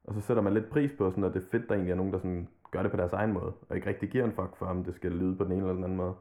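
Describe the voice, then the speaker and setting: A man's voice: sits low, steady tone, mellow. A man chatting casually on a podcast, rambling loosely and swearing freely. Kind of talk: casual chat about hip-hop. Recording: tinny phone-like line.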